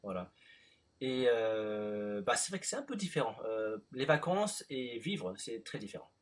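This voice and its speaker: A man from France in his thirties, interviewing a guest in relaxed chat with lots of fillers. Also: medium pitch, unhurried, a little hiss or hum. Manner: relaxed, many fillers and short backchannels.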